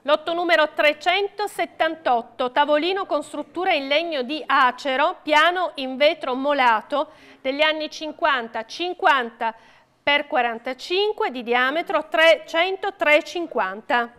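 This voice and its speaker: Woman, middle-aged, auctioneer, high voice, clipped repetitive bid calling, live auction room. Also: unhurried, a bit bright. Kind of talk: live auction calling, bids and lot descriptions. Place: indoor auction room, at a lectern.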